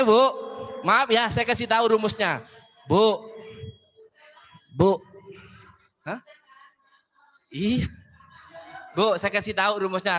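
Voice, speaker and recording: High, bright-voiced preacher man in a hall. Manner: joking, chatty, addresses audience directly. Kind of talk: casual sermon to women's gathering. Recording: long hall reverb.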